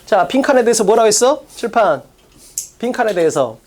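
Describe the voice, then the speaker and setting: Very animated and a little mellow at a medium pitch, this teacher gives an online English exam-prep lecture. The style is casual and plain, full of quick rhetorical questions aimed at students.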